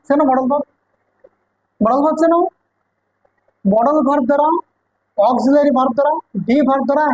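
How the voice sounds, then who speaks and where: High-voiced woman teaching grammar. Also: darkish tone, no room sound, poor audio. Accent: Bengali. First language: Bengali. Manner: checks understanding with repeated questions to students. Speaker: English teacher at a coaching center. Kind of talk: classroom grammar lesson.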